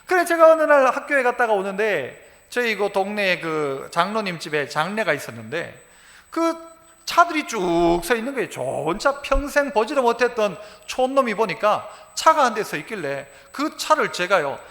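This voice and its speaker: A male pastor preaching a sermon, animated and acting out dialect dialogue. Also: sits high, normal speed. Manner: animated, quotes dialogue in dialect, shouts for emphasis. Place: church sanctuary. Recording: church sanctuary with long reverb.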